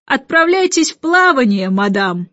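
Woman voicing a booming old admiral. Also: very animated, a little slow, fairly bright tone, no room sound, highs cut off, full character voice. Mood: blustering. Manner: booming, roaring. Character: gruff old retired admiral, blustering.

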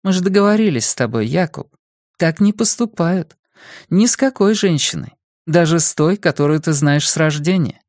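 A worried middle-aged mother, high and swooping, her voice leaping up whenever she scolds or exclaims, as a male reader puts her on. The sound is close and dry, a plain audiobook read. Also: expressive, darkish tone, dry recording, close to an everyday voice. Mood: reproachful. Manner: shrill, emotional, quick to exclaim. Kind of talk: audiobook character voice.

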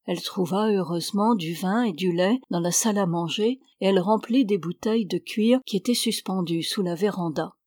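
An audiobook reader, a woman with a mid-range voice, reads a novel aloud in a measured, even storytelling style. The recording is dry and of studio quality.

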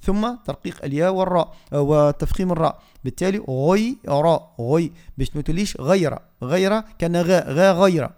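High-voiced man teaching Quran recitation. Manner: explains softly, then chants verses slowly and loudly. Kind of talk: tajweed lesson with chanted recitation. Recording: radio studio.

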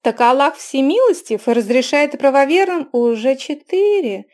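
A woman voicing a pushy, flattering young male bazaar barker who calls out in high, drawn-out, loud cries. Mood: wheedling.

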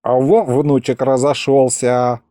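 A man's voice: mid-range voice, level tone, takes it slowly, warm tone, no echo, studio quality, close to an everyday voice. A man voicing a teasing, rambling old village grandfather who talks in rustic, old-fashioned speech. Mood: sly.

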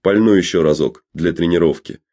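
A man voicing a reckless, boastful boat captain who drinks to steady his nerve, in an audiobook reading. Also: low-pitched, a little fast, husky. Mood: swaggering. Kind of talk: audiobook character voice.

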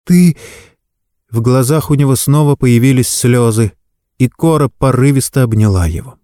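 A man narrating a story in a measured, dramatic reading. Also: mid-range voice, dark tone, no room sound, studio quality. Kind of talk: audiobook narration.

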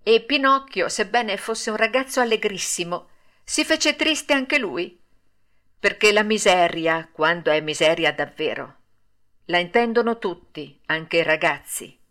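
A woman narrates a classic children's story in a lively, lilting voice. Her pitch sits in the middle but swings widely as she tells it, in a clear, storyteller's delivery. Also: measured pace. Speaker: audiobook narrator.

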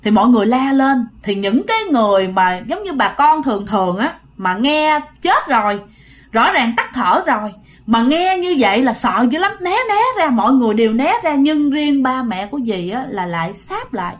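A woman's voice: fairly high pitch, animated, normal speed. Chatty woman telling a ghost story. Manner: chatty, addresses listeners directly.

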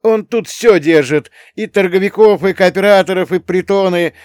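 A man's voice: high voice, moderate pace, darkish tone, no room sound, studio quality, pitched above the performer's own voice, close to an everyday voice. A man doing a stammering, flustered police captain. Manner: stammering with hesitant "uh"s.

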